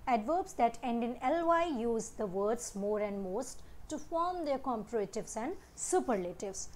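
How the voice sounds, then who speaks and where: A woman with an Indian English accent teaches a grammar lesson, slipping between English and Hindi explanations. Her voice sits high, and she speaks very slowly, stretching out each example word as she lists them. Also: expressive, a little mellow, a little hiss or hum. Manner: slow, drawn-out reading of word lists.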